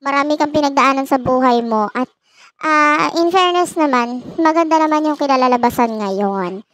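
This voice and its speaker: A woman's voice: sits high, moderate pace, fairly bright tone. A woman hosting a casual tarot reading, playful and teasing, laughing often at her own jokes. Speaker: tarot reader and channel host.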